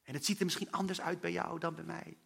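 A man's voice: fairly high pitch, flat delivery, fast talker, vocal fry, fairly bright tone, husky. A man preaching a sermon in an earnest, personal way and speaking straight to his listeners.

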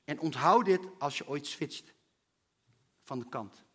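A man's voice: on the high side, slow pace, a bit bright, breathy edge. A man preaching a sermon in an earnest, personal way and speaking straight to his listeners.

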